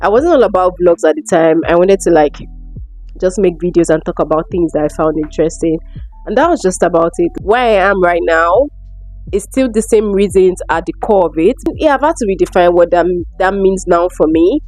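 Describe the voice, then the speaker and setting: A young adult woman from Lagos, Nigeria, vlogs to camera answering viewer questions, her Nigerian accent carrying an informal style full of emphatic repetition. Her voice is lowish, animated and a little fast, with a darkish tone and faint music in the background.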